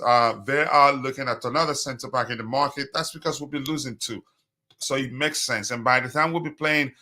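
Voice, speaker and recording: Guy hosting a footy fan livestream, sharp bright voice, bit strained like he's losing it, keeps stopping and repeating. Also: mid-range voice. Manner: halting, repetitive delivery. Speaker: host of a live football fan stream.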